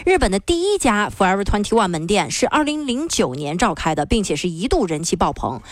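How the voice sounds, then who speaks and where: A woman co-hosting a radio talk show, reading short news items in a brisk manner and asking listeners for their views. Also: medium pitch, sing-song, no echo. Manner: brisk newsreader delivery, ends items with questions to listeners. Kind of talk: reading news briefs, casual banter.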